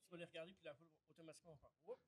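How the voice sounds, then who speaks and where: A man's voice: a little high, level tone, racing. A man with a Québécois French accent co-hosting a podcast live at a wrestling event, asking chatty questions. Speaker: podcast co-host. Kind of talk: casual podcast interview. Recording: crowd noise behind. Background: crowd.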